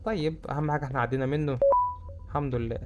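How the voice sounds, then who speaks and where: A man's voice: medium pitch, steady tone, very fast, dull audio, very noisy. A young man with an Egyptian Arabic accent, chattering through a horror game and saying he is scared. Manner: chatty, jumpy, easily spooked. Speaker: gamer. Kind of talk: let's-play commentary.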